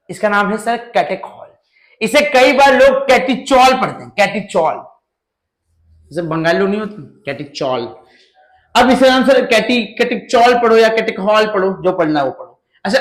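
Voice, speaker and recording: A male chemistry teacher giving a lively lecture, asking his students questions and answering them himself, with jokes along the way. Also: very high-pitched, reverberant, poor audio.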